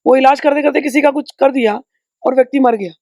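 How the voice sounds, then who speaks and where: Woman spiritual teacher, gravelly and forceful, podcast chat, dry close sound. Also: sits high, brisk, no echo. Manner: emphatic, storytelling with sharp rhetorical asides. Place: indoor podcast recording.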